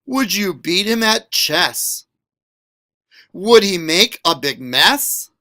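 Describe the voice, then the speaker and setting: Playing a school librarian, a man reads a children's picture book aloud, stretching words and asking questions expressively for young listeners. His voice is high and his pace slow.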